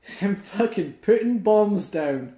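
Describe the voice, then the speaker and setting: A young man hosting a podcast, chatting casually, swearing often and ranting excitedly. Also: high voice, measured pace, echoey room. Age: young adult. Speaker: podcast host. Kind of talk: casual chat.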